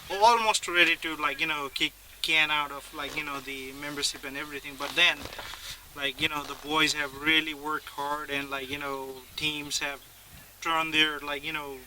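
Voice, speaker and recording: A man's voice: on the high side, steady tone, moderate pace, bright, forceful tone, a little hiss or hum. A man from Nepal, a guest commentator at a cricket match, who talks in long runs filled with "like, you know". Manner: fills speech with "like, you know". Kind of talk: casual live cricket commentary chat.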